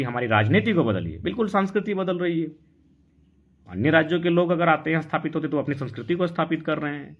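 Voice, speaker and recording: His voice runs on the high side as this man from Jharkhand, India, holds forth as an activist on a live stream. With a Jharkhandi Hindi accent he answers comments insistently and argumentatively, leaning on rhetorical questions in an impassioned political talk. Lo-fi, dull sound.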